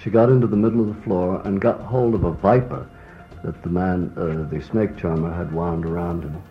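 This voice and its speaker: A man on old worn tape telling an anecdote in a wry, unhurried way with small asides. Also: deep voice, steady tone. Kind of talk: recounting an anecdote. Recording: dull lo-fi old tape with faint music.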